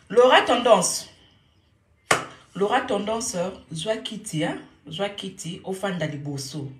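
Woman, live-stream host, slow and repetitive, roomy echo. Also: fairly low pitch. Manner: repeats words over and over, mixing French and Lingala. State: a little irritated. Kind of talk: casual live-stream monologue.

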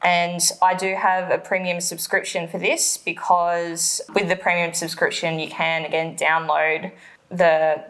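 Australian woman, thirties, lowish pitch, casual chatty explainer, home living room. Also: a bit bright. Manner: chatty, lots of ums, laughs easily. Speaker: vlog co-host.

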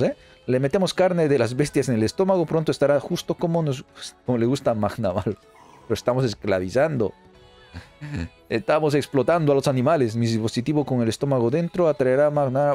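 A man giving excited let's play commentary, chatty and often repeating phrases in quick bursts. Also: mid-range voice. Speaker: gameplay commentator. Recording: faint game music underneath.

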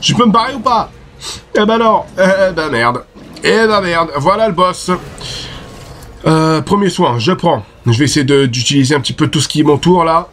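A French-accented man commenting on his gameplay as he plays. His voice sits slightly high, and he gets excitable, swearing and shouting at the enemies. Faint game sounds run behind him. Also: moderate pace, slight background noise. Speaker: gaming video host.

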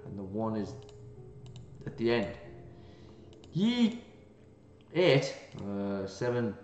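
A man's voice: on the low side, slow, darkish tone, slight background noise. A man playing through a game, reading its text aloud and reacting with playful, jokey asides. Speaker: gaming channel host. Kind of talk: let's play commentary. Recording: roomy, slightly dull, game music behind.

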